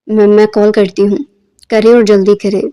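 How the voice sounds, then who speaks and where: Storybook part: a fretful, scheming middle-aged mother, read by a woman in a flat, mellow tone. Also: mid-range voice, clear, resonant tone, big-room sound, close to an everyday voice. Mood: anxious. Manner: fretful, pressing.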